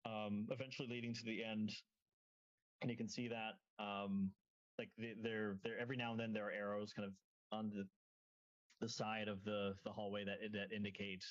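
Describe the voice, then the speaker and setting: A man runs a tabletop game as its game master, describing scenes in a fairly low voice. He gropes for words and restarts often, and the sound is dull and lo-fi, like an online call. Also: flat delivery. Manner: halting, many ums and restarts.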